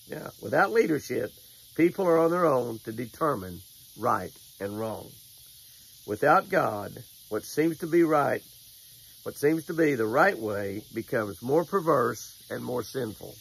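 Recorded up close on a camera in low quality, with a little hiss or hum, this older American devotional host and fishing angler speaks outdoors beside a lake. He shares a folksy devotional and a fishing tip, repeating phrases to stress them. His mid-range voice sounds gravelly and animated, at a measured pace.

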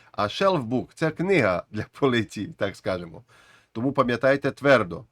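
A man's voice: mid-range voice, no room sound, studio quality. A man explaining an English grammar lesson patiently, with frequent restarts and repeated phrases. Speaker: English teacher.

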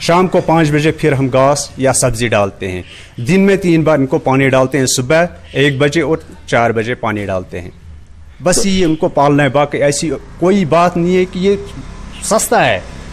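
Middle-aged man, Kashmiri accent, slightly high voice, practical and polite, handheld mic in a big farm shed. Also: lively intonation, moderate pace, a little hiss or hum. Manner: plain, practical explaining with many polite "ji sir" replies. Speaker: rabbit farm worker. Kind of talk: on-site interview answers. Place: large open-sided rabbit shed, indoors. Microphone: handheld reporter mic held near mouth.

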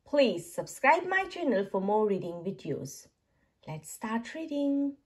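A woman reading a children's storybook aloud slowly and clearly, with an expressive, sing-song delivery. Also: a little high. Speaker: storybook reader.

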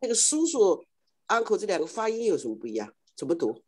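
A woman's voice: medium pitch, sing-song, fast, a little mellow. A woman student in an online English class, hesitantly thinking aloud as she asks her teacher about words. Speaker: adult student. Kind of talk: asking questions in online class. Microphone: video call.

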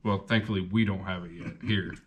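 A young man runs a fishing channel and shows off his gear in a casual haul video, chatting in a laid-back way and rambling with plenty of fillers. His voice is low and steady and moves a little fast. The recording sounds muffled.

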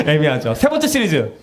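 A young man preaching to children and parents in a church, lively and joking, acting out parents' scolding lines in a sharp raised voice. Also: high voice, slight background noise. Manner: lively, jokes with audience. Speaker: children's ministry pastor. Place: church hall with audience laughter.

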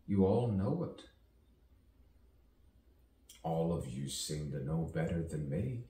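A poet delivers his own theatrical soliloquy in a very deep, mellow voice, taking his time and leaving long silences. His expressive pitch ranges widely as he muses and toys with wordplay and rhyme. The sound is roomy and echoey, picked up by a distant mic with faint background noise.

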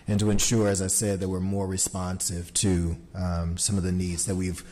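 Measured man speaking at a board meeting. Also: sits low, darkish tone. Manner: measured, with frequent fillers and restarts. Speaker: school superintendent. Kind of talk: formal meeting report. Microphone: desk microphone.

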